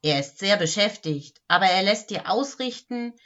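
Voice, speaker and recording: A woman's voice: medium pitch, animated, moderate pace, fairly bright tone, muffled recording, natural voice. A woman doing a Christmas elf giving orders. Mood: brisk. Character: busy Christmas helper elf.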